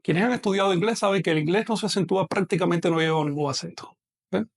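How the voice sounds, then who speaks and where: A fairly high-voiced male teacher delivers a language lesson online, lecture style. His manner stays patient and measured, and his speech slows sharply as he models each sound.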